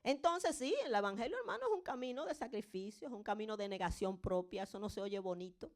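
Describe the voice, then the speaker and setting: A woman preaching a sermon in Spanish to a congregation, fervent and emphatic, addressing them directly as brothers and sisters. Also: expressive. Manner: fervent, rising to emphatic peaks then dropping low and slow.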